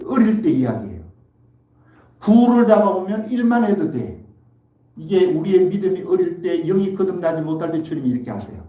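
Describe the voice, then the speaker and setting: A male pastor delivering an animated Sunday sermon in a fairly high but mellow voice. He acts out quoted speech and throws questions at the congregation. The sound is roomy and picked up from some distance in a church hall. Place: church sanctuary. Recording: echoey hall, mic from far off.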